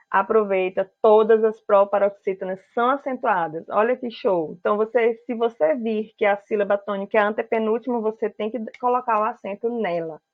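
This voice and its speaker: Brazilian woman teaching, tinny sound. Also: mid-range voice. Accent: Brazilian Portuguese. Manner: didactic, keeps checking in with "certo?". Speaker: writing teacher. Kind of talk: video grammar lesson.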